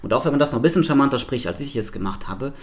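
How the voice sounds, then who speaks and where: A man, a linguist, giving a playful science slam talk with lively spoken examples. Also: medium pitch, rapid-fire.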